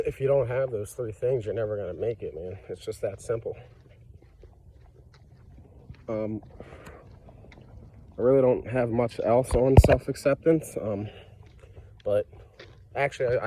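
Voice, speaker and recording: A vlogger with a cold and a stuffy nose tells his recovery story in a casual personal monologue, earnest and full of fillers and repeated phrases. His voice is fairly low and mellow, with slight background noise.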